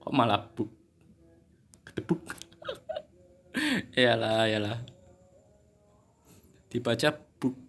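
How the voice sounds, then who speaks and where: A man's voice: mid-range voice, huge pitch swings, very slow, pauses often, a bit bright, slight background noise. A man, teaching a casual English lesson, chatty and joking at his own expense. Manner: chatty, joking, laughs at himself.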